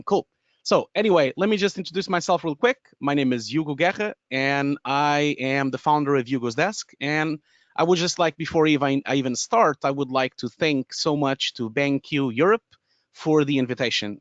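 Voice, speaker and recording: A man's voice: mid-range voice, dry recording, highs cut off. A man in his thirties from Portugal with a Portuguese accent, presenting a live webinar in a chatty way with many fillers, restarts and laughs, on a headset mic in a home studio room. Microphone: headset with boom mic.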